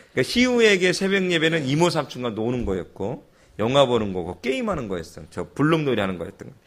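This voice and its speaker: A man preaching a sermon and telling a personal story in a lively way, with chuckling asides. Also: medium pitch, brisk. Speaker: pastor.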